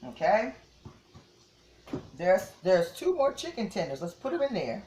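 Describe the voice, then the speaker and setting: A woman's voice: mid-range voice, sing-song, a little slow, warm tone, a little hiss or hum. Chatty woman cooking in an echoey kitchen. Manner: chatty, repeats "yes, yes" and "okay?" to viewers. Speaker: home cook. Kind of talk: casual cooking demonstration. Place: home kitchen.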